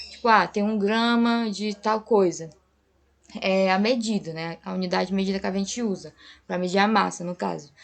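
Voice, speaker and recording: A young woman teacher giving a patient online grammar lesson, often checking in with her students. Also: medium pitch. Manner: patient, explanatory, frequent "tá?" checks. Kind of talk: online class lecture.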